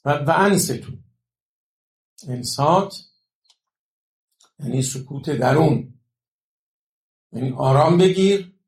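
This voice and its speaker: A religious lecturer gives a talk on education, explaining his points and checking in with listeners through rhetorical questions. His medium-pitched voice has a darkish tone, and the sound is roomy.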